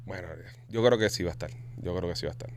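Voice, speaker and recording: A man hosting a podcast, telling stories in quick, animated casual chat full of slang. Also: low voice, slight background noise. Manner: rapid, animated storytelling with Spanish slang. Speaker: podcast host.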